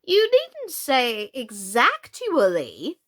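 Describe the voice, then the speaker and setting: Storybook old queen: scatty, excitable, wailing, very high, slow and drawn out. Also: exaggerated voice. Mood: bossy, pitying. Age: older. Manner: wailing, exclamatory, squeaky when excited.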